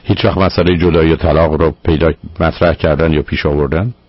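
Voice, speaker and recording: A man's voice: very deep voice, steady tone, breathy edge, no room sound, muffled recording. A man hosting a radio call-in show as a psychologist, probing and lecturing his caller firmly. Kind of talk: call-in advice counseling.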